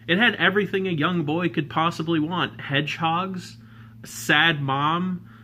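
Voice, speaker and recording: A man's voice: a little high, sharp tone, slight background noise. A man giving a comedic review of an old cartoon, with wry, joking asides. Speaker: retro game and cartoon reviewer.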